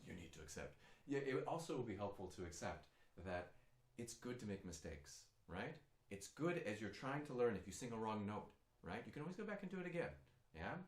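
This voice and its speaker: Man, native German speaker, singing teacher, encouraging, expressive pitch, roomy room. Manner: encouraging, talks the learner through, demonstrates vowels by singing. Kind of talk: online voice lesson with warmups. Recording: roomy, with guitar faintly behind.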